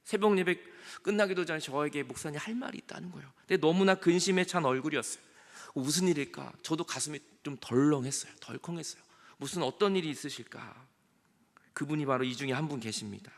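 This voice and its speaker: A man preaching in a church with a slightly high, gravelly voice. He swings between loud, emphatic lines and soft, almost whispered ones. The sound rings with the long reverb of a big sanctuary. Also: quick pace. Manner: emphatic, rising and falling sharply, dropping to near whispers. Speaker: pastor. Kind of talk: sermon.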